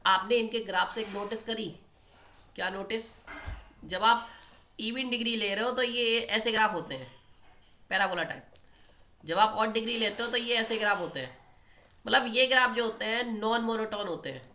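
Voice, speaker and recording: Bright-voiced man teaching maths. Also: high-pitched, moderate pace, long pauses, a little hiss or hum. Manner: explains step by step, often checks in with the students. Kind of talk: online exam-prep lecture at a board.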